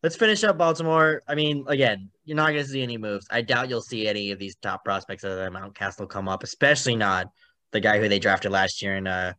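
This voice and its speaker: A man's voice: lowish voice, a little fast, pushed and bright, no echo. A young man co-hosting a sports podcast, chatting casually and rambling with fillers as he goes. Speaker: podcast co-host.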